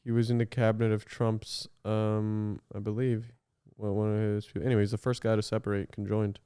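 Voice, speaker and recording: A man's voice: on the low side, flat delivery, fairly quick, warm tone, clean tone, dry recording, clean studio sound. A man co-hosting a podcast in casual, bantering conversation. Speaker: podcast co-host.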